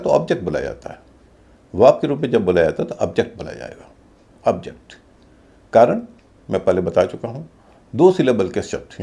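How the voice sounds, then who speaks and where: A man explains English pronunciation rules in a mellow, gravelly voice. His pitch moves a lot as he lands hard on each example word. He sounds like a teacher working through a lesson. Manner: explanatory, stresses example words.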